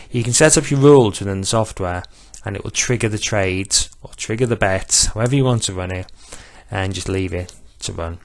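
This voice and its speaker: A man with a low voice demonstrates betting software in a screen-recorded tutorial walkthrough. He describes himself as monotone, and his delivery is measured, with filler pauses. The recording is dry.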